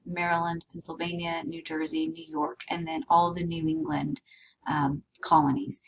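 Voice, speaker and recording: Woman, history instructor, low-ish voice, chatty lecture, distant mic with faint hiss. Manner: conversational, explains with asides to students. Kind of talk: recorded lecture.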